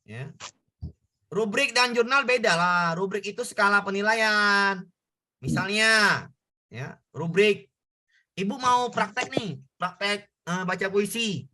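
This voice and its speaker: Speaking slowly in a high-pitched, sharp voice, a man tutors students online for an exam, repeating himself and gently prodding them with questions to confirm they understand.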